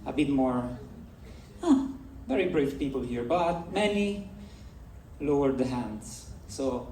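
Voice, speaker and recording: A man's voice: mid-range voice, lively intonation, takes it slowly, dark tone, slight background noise. A man from Italy with an Italian accent, giving a storytelling keynote talk on a festival stage and addressing the audience directly. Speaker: conference speaker. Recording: echoey hall, voice from far off.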